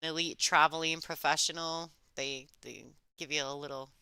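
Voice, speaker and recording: A woman commentating live on a pool match in a restrained, soft-spoken golf-commentator voice, chatting conversationally as she follows the play. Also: sits low, steady tone, moderate pace, smooth, dry recording. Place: alone in a chilly room.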